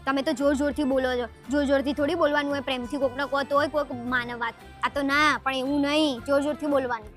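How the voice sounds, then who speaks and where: A woman's voice: sits high, fairly even intonation, a bit bright, faint music behind. A woman playing a nagging, scolding wife in a comedy skit. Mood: sulky. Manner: scolding, nagging, fast talk.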